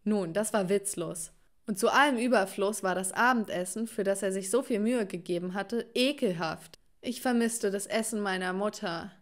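A woman's voice: medium pitch, moderate pace. Woman narrator, cheeky, playful, scripted cartoon story telling.

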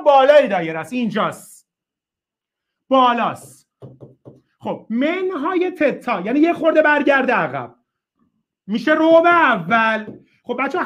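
A woman teaching a math class, repeating key points, urging students to answer fast and praising them with short exclamations. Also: high voice. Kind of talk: classroom lecture.

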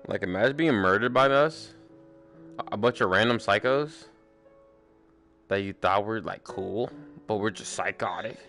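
A young man streaming a game with friends, chatting casually, swearing a lot and breaking into excited shouts. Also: fairly low pitch, moderate pace, pauses often, soft background music. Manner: excitable, profane, bursts into shouts. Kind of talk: casual gaming commentary.

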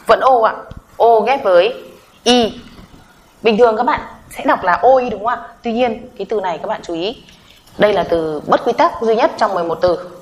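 A woman's voice: medium pitch, slight background noise, poor audio. A woman teaching a Korean vowel lesson in Vietnamese, patiently repeating each sound and asking the class questions she answers herself.

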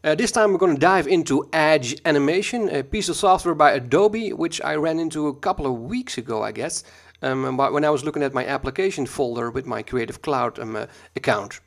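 A Dutch man with a Dutch accent walks through a screen-recorded software tutorial at a computer mic. His voice is on the high side and his pace brisk, and he keeps things relaxed and chatty, full of ums and uhs.

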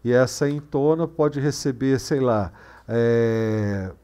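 A man's voice: medium pitch, slow, warm tone, clear, resonant tone. A man teaching a screencast programming lesson, thinking aloud with many fillers and self-corrections. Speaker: course instructor.

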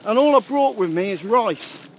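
A man in his thirties, an outdoor vlogger, talks casually into a handheld camera held at arm's length beside a lake at a wild camp. His voice is high with lively intonation and a moderate pace, and he rambles upbeatly with frequent ums over slight background noise.

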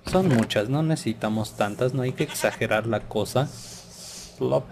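A man's voice: mid-range voice, normal speed, creaky, background noise. A man hosting a gaming channel, playfully talking through his Minecraft session and humming sound effects. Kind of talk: Minecraft let's play commentary.

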